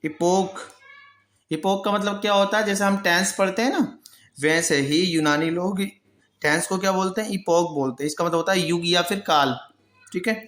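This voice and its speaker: A man teaching pronunciation with a slightly high voice. He asks his students a question, answers it himself, and says each word again slowly. The room around him is echoey. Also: fairly bright tone. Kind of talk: Hindi-language vocabulary lesson.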